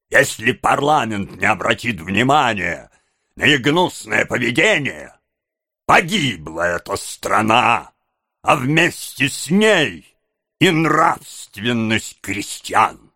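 A man's voice: fairly low pitch, creaky, bright, forceful tone, slightly rough, no room sound, clean studio sound, exaggerated voice. A man voicing a pompous, stern male parish beadle who blusters with indignation in an audiobook. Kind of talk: audiobook character voice.

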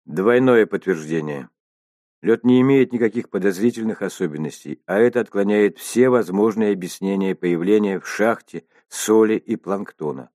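A man's voice: lowish voice, normal speed, warm tone, no echo, clean studio sound, natural voice. Man voicing a scornful stubborn woman scientist. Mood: triumphant. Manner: hissing, scornful, insistent. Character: stubborn sharp-tongued woman glaciologist.

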